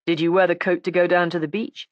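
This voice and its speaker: A woman's voice: lowish voice, little pitch movement, fast, no echo, lo-fi sound, close to an everyday voice. A woman reading a stern, ironic male inspector. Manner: cool, clipped, ironic. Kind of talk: audiobook character voice.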